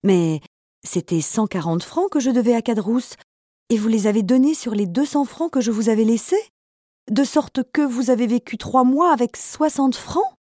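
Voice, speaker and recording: A woman's voice: fairly high pitch, lively intonation, moderate pace, dark tone, no echo, studio quality. A woman reading as an eager young sailor. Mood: earnest.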